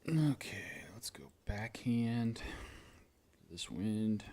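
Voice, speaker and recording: Deep-voiced man chatting through gameplay. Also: expressive, drawn-out words, dark tone, breathy edge. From rural Illinois, US. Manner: chatty, talks to chat while playing. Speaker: streamer. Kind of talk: casual gameplay commentary.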